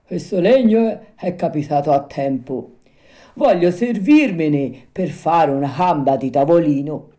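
A woman's voice: low voice, lively intonation, a little slow, warm tone. A woman voicing an old male carpenter who mutters and grumbles to himself, in a storybook reading. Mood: muttering. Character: old male carpenter, jovial then frightened.

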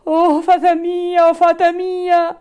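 Casting: woman doing a petulant puppet boy, shrill, loud, storybook reading. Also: big pitch swings, measured pace, clean tone. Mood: panicked. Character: whiny stubborn wooden puppet boy.

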